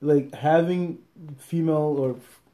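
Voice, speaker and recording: A young adult man co-hosting a podcast, chatting casually in a relaxed way with filler words. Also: a little high, measured pace, dull audio. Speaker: podcast co-host. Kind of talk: casual chat.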